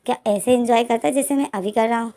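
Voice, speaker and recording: A doting older man, soft and coaxing, whose words are all affection and gentle teasing, as a woman reads him out. The voice sits a little high yet sounds mellow and warm. It plays like a read-aloud storybook lover. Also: fast talker, close to an everyday voice. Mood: tender.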